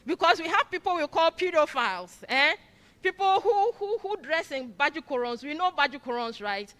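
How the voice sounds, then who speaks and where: High bright woman lecturing in a hall. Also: expressive, moderate pace. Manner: quizzes audience with fill-in "what?" prompts. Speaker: orientation speaker. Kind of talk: orientation lecture. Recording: long hall reverb.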